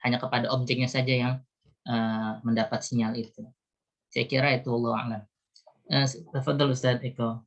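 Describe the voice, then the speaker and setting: Religious teacher guy explaining calmly on a video call, steady, keeps adding little tag words. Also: medium pitch, lo-fi sound. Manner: measured, explanatory, tags phrases with "you see". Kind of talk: online Quran study talk.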